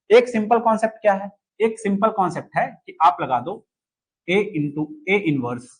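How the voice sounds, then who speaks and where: Male teacher running an online class, high voice, repeats himself, keeps checking if students follow. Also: low-quality recording. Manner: asks students to answer and comment, repeats key points. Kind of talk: online lesson solving exam questions.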